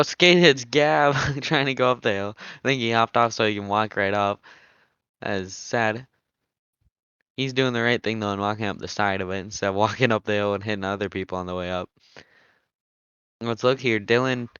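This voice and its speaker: A young man calls an online motocross race in a relaxed, chatty way, thinking aloud and laughing now and then. His voice sits a little low and sounds smooth and clear. The recording is dry and a bit dull, like a lo-fi close mic. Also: moderate pace, pauses often, dry recording. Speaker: race commentator and server admin. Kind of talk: casual live race commentary.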